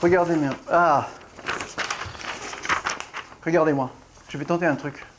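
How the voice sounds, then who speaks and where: A middle-aged ballet class accompanist talks through a casual lesson at a middle pitch. The delivery is halting, full of restarts and repeated words, as rhythm and breathing are shown along the way. A light hiss sits under the voice. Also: fairly even intonation. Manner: explains while demonstrating rhythm and breathing.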